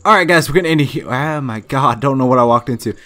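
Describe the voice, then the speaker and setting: Excitable man narrating his gameplay. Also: medium pitch, fast talker, soft background music. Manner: excitable, exclaims and laughs often, curses. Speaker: let's-play gamer. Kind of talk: casual gameplay commentary.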